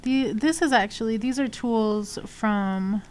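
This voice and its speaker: Speaking slowly in a voice on the high side, this woman rambles casually on a live stream about her sculpting, filling her talk with fillers. Allergies have left her sniffly; she lives in Texas but isn't originally from there, and she broadcasts from a home studio with slight background noise.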